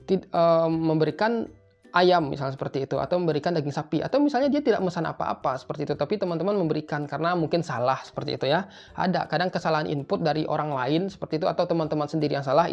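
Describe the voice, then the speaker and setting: A man's voice: on the high side, vocal fry, darkish tone. A young man, casually explaining job interview answers in a chatty, informal way. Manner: chatty, informal, keeps repeating a filler tag. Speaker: tutor for job interviews in Japan. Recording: slightly muffled, faint music behind.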